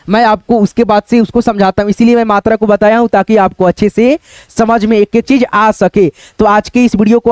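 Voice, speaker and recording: A man's voice: high voice, a little mellow, no echo. A man teaching the script in a repetitive, patient way, often asking his viewers check questions. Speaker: online Hindi teacher. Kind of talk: teaching at a board, explaining step by step.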